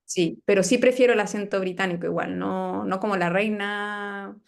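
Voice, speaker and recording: A woman with a Chilean accent talks as a guest in a relaxed interview. She explains her views carefully, stopping briefly to think now and then, in the manner of a teacher. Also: mid-range voice, gravelly. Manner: thoughtful, explanatory, pauses with "eh". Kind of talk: casual interview chat.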